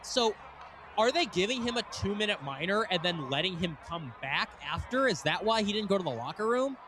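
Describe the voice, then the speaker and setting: A man calling a live hockey game from an arena booth, excitable and laughing often as he thinks aloud. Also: high-pitched, a little fast. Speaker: play-by-play commentator. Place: ice arena broadcast booth. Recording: noisy arena broadcast.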